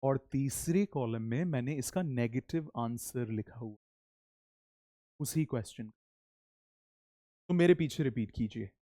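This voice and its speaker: Slow, mellow man teaching English. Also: mid-range voice, no room sound, clean studio sound. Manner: slow, animated drills with repeat-after-me prompts. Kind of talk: spoken English lesson in Hindi.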